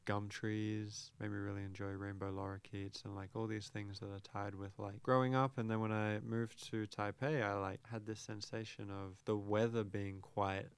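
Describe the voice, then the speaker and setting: A man's voice: lowish voice, level tone, moderate pace, creaky, few pauses, clean tone, dry recording. A young adult man, a musician chatting thoughtfully and at ease as an interview guest, with many fillers. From Australia, grew up in Brisbane. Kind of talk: casual interview chat.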